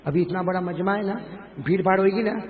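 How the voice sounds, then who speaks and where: A man preaching a lively sermon to a large crowd, joking and calling on the crowd to answer aloud. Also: sits high. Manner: jokey, calls on the crowd to answer loudly. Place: large open-air gathering. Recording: narrow phone-like sound.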